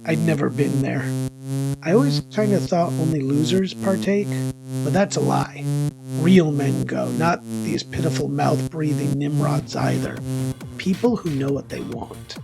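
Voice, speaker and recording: In a conversational dramatic monologue, a male actor voices a self-deprecating, bitter loner who rambles through defensive asides, sounding smug and resentful. His gravelly voice is a little high and a little slow. Loud music sits behind him, and the recording is rough.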